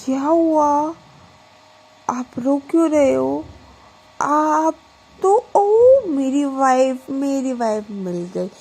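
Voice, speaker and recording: A drunk, lovesick young wife slurs and drags her words like a whiny child, put on by a woman reading a story aloud. The voice sits fairly high but comes out slow, gravelly and husky. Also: lively intonation, warm tone, full character voice, poor audio. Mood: whiny pleading. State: drunk on bhang.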